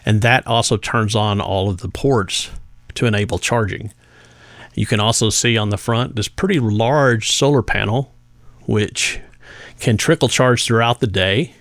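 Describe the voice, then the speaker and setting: A male gadget reviewer demos a product in a relaxed, chatty way, hesitating and pausing partway through phrases. His voice is fairly low and slightly bright, and the studio-quality recording has no echo.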